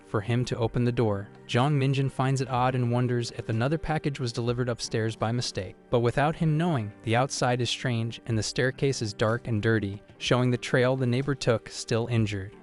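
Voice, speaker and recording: Guy doing scripted story recap narration, normal pitch, steady, faint music behind.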